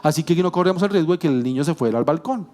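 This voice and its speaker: A middle-aged man, a guest pastor preaching with animated, joking personal stories. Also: fairly high pitch, racing. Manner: animated, humorous storytelling with self-corrections and jokes. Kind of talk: sermon with personal storytelling. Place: church.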